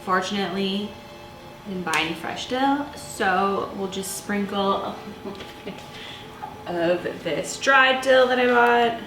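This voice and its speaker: A young woman vlogging her first try at cooking in a casual, excitable way, often squealing and swearing. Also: mid-range voice, unhurried, echoey room, music in the background. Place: home kitchen.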